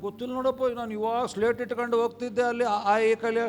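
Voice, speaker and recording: High-voiced preaching man, sudden shouts. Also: little pitch movement, quick pace, slight background noise. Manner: preaching with sudden shouted peaks and acted dialogue; mixes English phrases into Kannada. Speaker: pastor. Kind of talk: sermon. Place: church.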